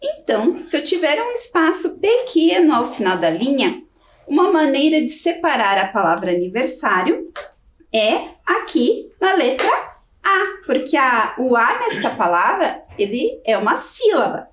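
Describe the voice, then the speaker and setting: A woman's voice: high-pitched, big pitch swings, unhurried, a little hiss or hum. A Brazilian woman teaching a children's video lesson, giving patient step-by-step instructions. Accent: Brazilian Portuguese. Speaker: primary school teacher. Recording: roomy, from off the mic.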